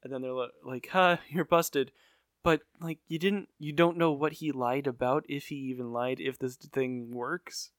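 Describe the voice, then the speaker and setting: A man's voice: mid-range voice, steady tone, normal speed, hardly any pauses, no echo. Weary, dry-voiced man recapping a cartoon. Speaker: podcast co-host. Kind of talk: casual chat recapping a cartoon episode.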